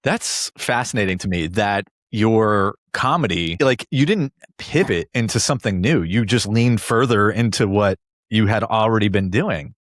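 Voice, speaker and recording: A man hosting a podcast interview, asking relaxed questions and giving short, encouraging replies. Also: on the low side, normal speed, no room sound, clean studio sound. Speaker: podcast host. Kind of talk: casual interview.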